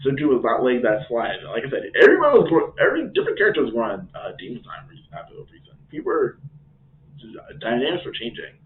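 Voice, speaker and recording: Casual male game reviewer who rambles and uses slang, with a lively pitch; tinny, phone-quality audio. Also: fast. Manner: rambling, self-correcting, slangy. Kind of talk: casual spoken game recap.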